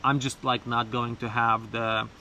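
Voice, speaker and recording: A man talking casually and haltingly in an unscripted personal vlog, repeating words and speaking informally, outdoors. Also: mid-range voice, level tone, bright, forceful tone, lo-fi sound, slight background noise. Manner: informal, sprinkled with swearing and bro. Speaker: vlogger. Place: outdoors, bathing in a river.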